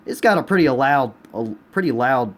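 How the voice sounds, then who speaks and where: An American man, a radio collector, casually shows off his collection in an unscripted review, often repeating himself for emphasis. His voice is medium-pitched and expressive at a normal speed. He's indoors in a room at home, filming with a handheld camera from behind it, with clear background room noise.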